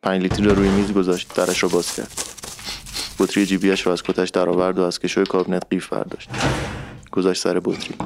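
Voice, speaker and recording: A man narrating a literary short story in a calm, measured reading voice. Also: low voice, creaky, noisy background.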